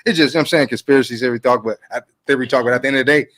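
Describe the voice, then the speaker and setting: Brief: male guest, quick and rambling, street slang, casual talk. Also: mid-range voice, a bit bright. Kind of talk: casual group chat.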